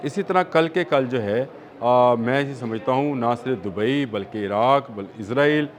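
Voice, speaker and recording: A man's voice: mid-range voice, unhurried. A man with a Pakistani Urdu accent giving emphatic, repetitive news analysis in a studio discussion, with hesitant fillers.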